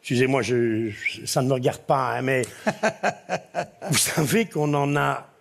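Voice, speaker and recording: A man's voice: medium pitch, unhurried, creaky, voice pushed down. A man voicing a timid, stammering male café waiter. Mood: awkward. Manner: hesitant, stammering.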